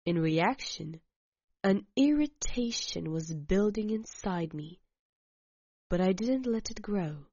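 Very slow-paced woman narrator. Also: mid-range voice, animated, a little mellow, breathy edge, no room sound, muffled recording. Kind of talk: first-person story narration.

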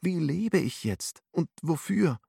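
A man's voice: a little high, very animated, takes it slowly, gravelly, warm tone, slightly rough, no echo, clean studio sound, voice pushed up, exaggerated voice. A man voicing a frightened, confused young man who asks anxious, searching questions, in an audiobook. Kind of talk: audiobook narration.

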